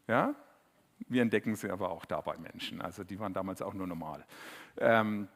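A middle-aged preacher, his voice sitting on the low side. He talks in a casual, animated way and throws himself into the quotes, his voice jumping up and getting loud when he acts them out. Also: brisk. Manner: lively, conversational, acts out quotes with raised voice. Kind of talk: sermon.

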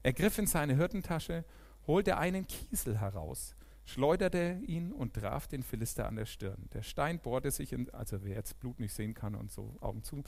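A man preaching a sermon in a church, animated, swinging from loud emphatic peaks to quiet, near-whispered asides. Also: mid-range voice, moderate pace, creaky, a little hiss or hum.

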